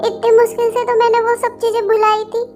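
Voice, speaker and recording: A woman's voice: very high-pitched, monotone, a little fast, loud music behind the voice. A woman voicing an upset young woman, pleading and emphatic, in a fan audio drama. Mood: distressed.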